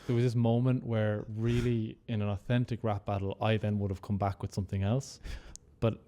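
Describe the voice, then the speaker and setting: A man's voice: on the low side, little pitch movement, moderate pace, mellow. A man from Galway with a west of Ireland accent, talking casually as an interview guest.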